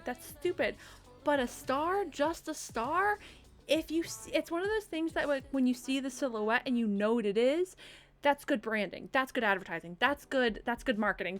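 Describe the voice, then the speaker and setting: A young adult woman streaming live, chatting casually and giving blunt opinions with frequent laughs and quick asides. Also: sits high. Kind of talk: casual live-stream chat while ranking logos.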